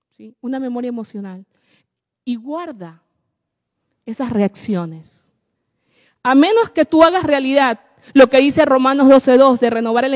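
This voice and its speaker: A woman with a high voice delivers a sermon-style talk. She keeps turning to her audience with questions. Her voice rings with a long hall echo and the sound is dull and lo-fi.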